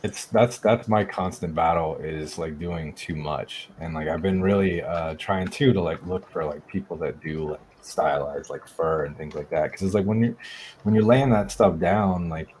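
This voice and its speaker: A man with a low, deep voice talks casually as co-host, stopping and restarting, leaning on fillers. Faint noise hums underneath. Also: darkish tone. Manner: halting, restarts, heavy use of "like". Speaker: podcast co-host. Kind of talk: casual chat.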